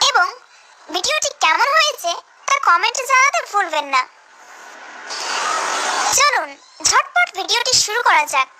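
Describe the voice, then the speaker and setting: A woman host greeting viewers and opening a language-lesson video in a bright, lilting way. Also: very high-pitched, very animated, a little slow, pauses often, slight background noise. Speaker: channel host. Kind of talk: channel intro.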